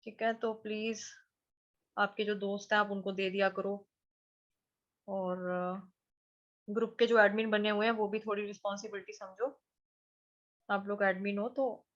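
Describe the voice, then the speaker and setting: A woman teaching how to chant Sanskrit verses, chanting each line slowly and then explaining the sounds syllable by syllable in a chatty, patient way. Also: mid-range voice, level tone, dull audio. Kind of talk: online class teaching verse pronunciation.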